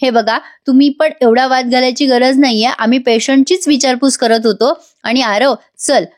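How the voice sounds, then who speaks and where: A woman voicing a young woman doctor who firmly calms things down. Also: sits high, normal speed, no room sound, clean studio sound, lightly acted.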